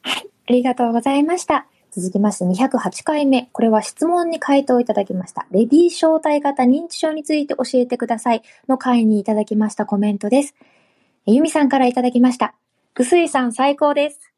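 A woman's voice: high voice, expressive, fast, warm tone. A woman co-hosting a podcast, politely reading out listener comments and chatting. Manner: polite, reads comments aloud. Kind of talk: casual podcast chat.

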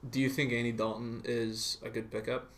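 A man's voice: medium pitch, level tone, moderate pace, a bit bright. A man on a sports podcast chatting casually, asking questions and sounding a little tentative.

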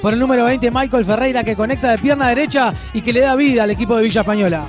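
Guy recapping goals, talks fast, really high pitched, music under it. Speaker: football commentator. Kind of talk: fast match recap commentary.

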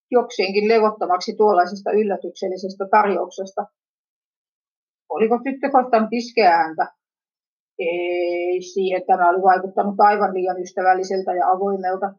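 A woman reading a story aloud in a plain, steady manner with small slips. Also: mid-range voice, highs cut off. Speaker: narrator.

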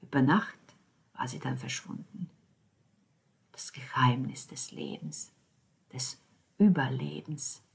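A woman narrating an audiobook in a calm, measured way, often dropping to near whispers. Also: rumbling low, creaky, breathy edge.

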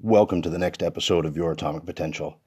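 Breathless male podcast host, husky low voice. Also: fast, warm tone. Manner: earnest, reflective. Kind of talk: casual solo podcast talk.

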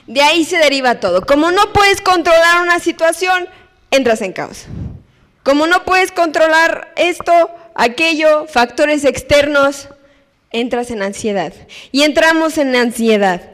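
Woman preacher, unhurried expressive sermon delivery, long hall reverb. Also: high voice. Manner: expressive, acts out voices in her stories.

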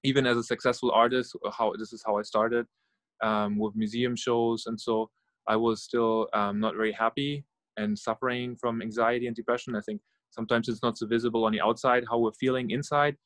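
A man's voice: medium pitch, level tone, fairly quick, fairly bright tone, no room sound. Norwegian-German man talking thoughtfully. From Norway and Germany. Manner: searching, thinking aloud, with many fillers and sighs. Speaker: guest, startup founder and meditation guide. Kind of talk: casual interview conversation.

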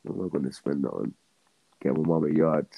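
A man's voice: rumbling low, a little fast, gravelly, husky, no room sound, phone-quality sound. A man with a London roadman accent chatting casually as a podcast guest, using slangy street talk. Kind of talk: casual chat.

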